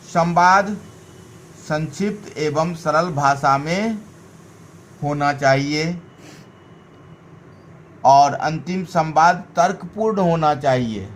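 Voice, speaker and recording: A male teacher giving a lesson in a slow, deliberate way, pausing between phrases and stressing key words. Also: fairly high pitch, slight background noise. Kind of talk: classroom lesson.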